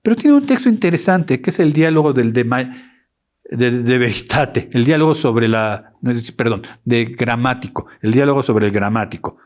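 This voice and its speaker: A man's voice: mid-range voice, lively intonation, moderate pace, a little mellow. A man giving an educational lecture who speaks with animation and often stops to correct himself.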